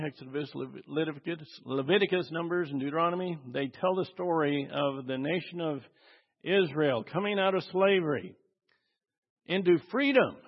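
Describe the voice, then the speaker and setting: A male pastor preaching a conversational sermon, asking the congregation questions and often pausing with fillers. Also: fairly high pitch. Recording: dull audio with long hall reverb.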